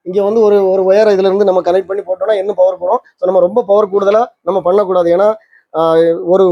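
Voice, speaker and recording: A man with a high, warm voice runs a vintage radio repair channel and explains his hands-on demonstration informally, frequently restating things in new words. It's recorded with roomy echo and slightly dull, lo-fi audio.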